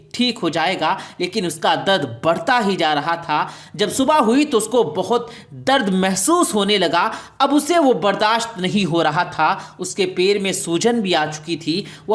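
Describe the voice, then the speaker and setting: Brief: woman narrator, scripted moral storytelling, dramatic and preachy, mid pitch.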